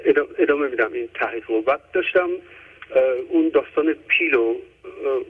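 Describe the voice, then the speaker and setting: A male caller chats about the show in a casual, halting way, often stopping on filler sounds. His voice is slightly husky and comes through a thin, phone-like line. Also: medium pitch. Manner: hesitant, many filler sounds. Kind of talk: casual call-in chat.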